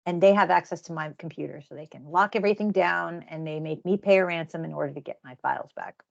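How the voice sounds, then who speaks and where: A woman leads a security training webinar in a casual, conversational manner, circling back and restarting her sentences. Her voice sits low with a gravelly, fry-laden edge. The audio is dull and lo-fi. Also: quick pace. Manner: conversational, repeats words and restarts phrases. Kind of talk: webinar presentation.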